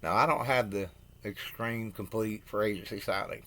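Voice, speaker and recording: A man with a lowish voice reads NFL signings off handwritten notes, pausing and correcting himself as he trips over names. Between items he drops plain, opinionated asides about the deals. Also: steady tone, fairly bright tone. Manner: halting, apologetic, stumbles over names. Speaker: host. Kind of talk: reading NFL news from notes.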